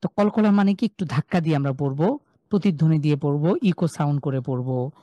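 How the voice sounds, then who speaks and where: A man's voice: fairly high pitch, quick pace, warm tone, no room sound, dull audio. A man teaching Quran recitation in a live online class, patiently sounding out letters and asking his students questions. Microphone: video call.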